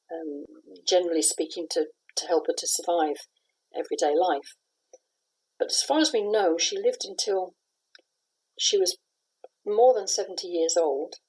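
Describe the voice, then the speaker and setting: Answering an interviewer's questions, this middle-aged woman, a playwright from the west of Scotland, is reflective and measured, often stopping and restarting. She has a lowish, darkish, slightly rough voice, and the audio is poor.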